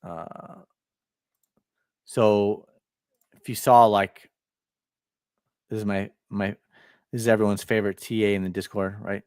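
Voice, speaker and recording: A man's voice: fairly low pitch, little pitch movement, a little slow, long pauses, darkish tone, clean tone, no room sound, studio quality. A man hosting a casual market chart breakdown, talking loosely and repeating himself, often tagging "right?". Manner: loose, repetitive, with many "right?" tags. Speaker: market analyst host. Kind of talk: casual chart analysis talk.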